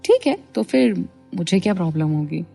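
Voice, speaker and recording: A woman's voice: fairly low pitch, sing-song, normal speed, vocal fry, dark tone, breathy edge, soft background music, exaggerated voice. A woman voicing a young male college student who talks in a casual, slightly surprised way.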